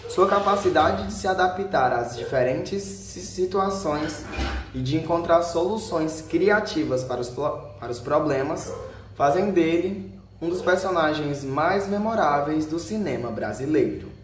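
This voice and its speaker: A Brazilian man narrates a video from a script broken into short headed sections, his voice on the high side, his intonation lively and his pace unhurried. He stumbles over a word here and there. The audio carries a roomy echo with faint background noise.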